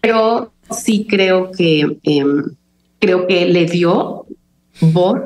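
A woman from Mexico City speaks in a notably low, calm register with deliberate, careful diction. Her voice rings a little in an echoey room. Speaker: chef and recipe video creator, guest. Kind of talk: conversational interview.

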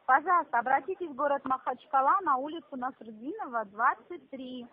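A woman's voice: high-pitched, brisk, dry recording. A woman working as a call centre operator, speaking in a formal, instructive customer service voice on a support call. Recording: tinny narrow-band phone line.

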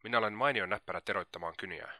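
A man reading as a gushing, flattering young lady. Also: lowish voice, no room sound, studio quality. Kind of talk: audiobook character reading.

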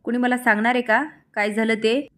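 A woman's voice: a little high, level tone, brisk, a bit bright, lightly acted. A woman voicing a stern, caring middle-aged mother who gives firm advice. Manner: firm advising tone.

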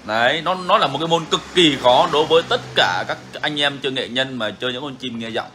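A man's voice: medium pitch, fast, pushed and bright, a little hiss or hum. A man hosting a bird-keeping channel, talking casually and frankly to viewers, repeating himself often. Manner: frank, repetitive, chatty.

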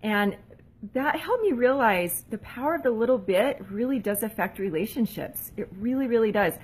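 Animated woman with a husky voice. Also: normal speed. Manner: animated, acting out quoted voices in a much higher pitch; laughs easily, chatty and self-deprecating. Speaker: mentor and blogger. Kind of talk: casual motivational talk to camera.

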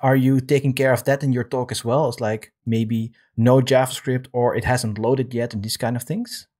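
A man from Europe, around his thirties, hosts a relaxed interview from his home studio. His voice is slightly husky and his questions wander with plenty of ums. He speaks into a close desk microphone. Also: medium pitch. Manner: relaxed, many um fillers, drawn-out questions. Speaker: host. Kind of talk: casual interview. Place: home studio room with guitars on wall. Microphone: large desk microphone with headphones.

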